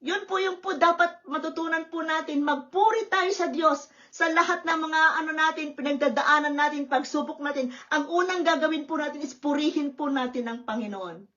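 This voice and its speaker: A woman pastor preaching a sermon at a church service, lively and often checking in with the congregation. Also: sits high, normal speed, highs cut off. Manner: lively, questioning the congregation with tag words.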